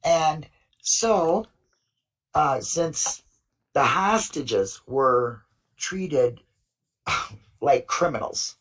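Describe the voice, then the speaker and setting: Husky woman telling a story off-mic. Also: low-pitched, expressive, drawn-out words, pauses often, recorded from a distance, poor audio. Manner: indignant, retells events with lots of fillers. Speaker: open mic participant. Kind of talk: casual storytelling.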